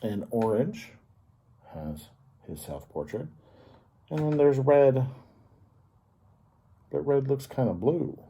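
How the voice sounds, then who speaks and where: In a teacherly manner, a male story time host reads a picture book to kids, pausing for explanations and easy questions. He speaks at medium pitch with an expressive, husky voice and a dark tone.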